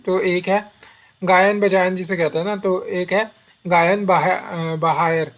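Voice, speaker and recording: A man's voice: high voice, steady tone, slow pace. A man teaching an exam-prep lecture, often repeating key terms as memory drills and slipping into English phrases.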